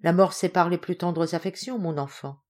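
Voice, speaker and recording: A woman voicing a gentle, saddened widowed noblewoman who speaks tenderly to her daughter. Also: fairly low pitch, moderate pace, close to an everyday voice. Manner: soft, tender, resigned.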